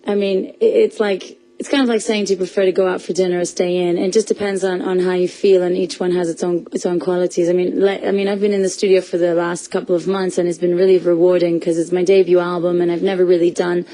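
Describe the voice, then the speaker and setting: A woman's voice: fairly low pitch, warm tone, low-quality recording. A young woman from Portugal, a musician being interviewed on radio, chatty with frequent laughs and restarts. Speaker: musician guest. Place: radio studio.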